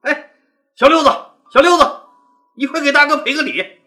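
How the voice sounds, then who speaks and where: A man's voice: very high-pitched, normal speed, heavily acted. A man voicing a band of eager young village men who wheedle and plead with their leader. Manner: wheedling, excited.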